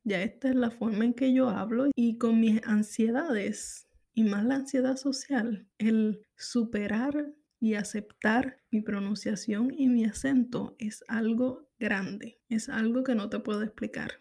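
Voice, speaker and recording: A Puerto Rican woman in her thirties talks candidly to her podcast listeners, thinking out loud and repeating herself as she goes. Her voice sits a little high but has a dark, mellow tone with a gravelly edge. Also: fairly even intonation, a little slow. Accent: Puerto Rican Spanish. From Puerto Rico. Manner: candid, reflective, repeats phrases. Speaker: podcast host. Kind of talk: personal monologue.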